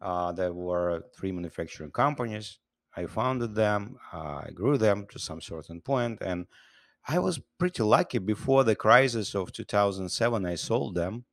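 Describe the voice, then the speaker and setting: A man from Russia who speaks. He answers interview questions in halting English, with many restarts. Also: lowish voice, animated, no echo, clean studio sound. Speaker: guest, business founder.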